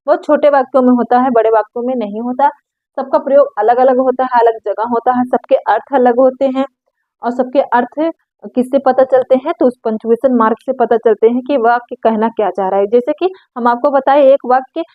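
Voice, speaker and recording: A woman teaching a grammar lesson, explaining slowly and repeating words for her viewers. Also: high-pitched, dry recording. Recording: dry, dull lo-fi recording.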